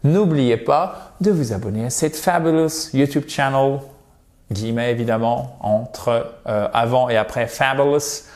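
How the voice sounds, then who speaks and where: A man teaching English vocabulary to French speakers in a chatty, joking way. He slowly repeats words to drill their pronunciation. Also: medium pitch, darkish tone. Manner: chatty, jokey, switches between French and English.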